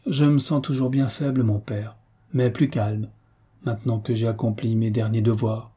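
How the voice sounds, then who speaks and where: A man voicing a gravely ill, grieving noble mother in an audiobook, weak and pleading. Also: mid-range voice, steady tone, normal speed, dark tone, close to an everyday voice. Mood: weary.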